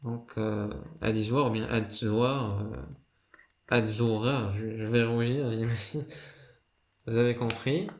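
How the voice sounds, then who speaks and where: A man's voice: mid-range voice, fairly even intonation, takes it slowly. A man giving a casual spoken lesson on a writing system, hesitant and full of fillers and restarts. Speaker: video creator explaining a writing system. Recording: roomy echo.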